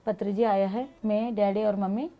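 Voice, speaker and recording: A woman guest telling personal stories, speaking animated, non-fluent Hindi mixed with English. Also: mid-range voice, normal speed, highs cut off. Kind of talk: personal storytelling in an interview.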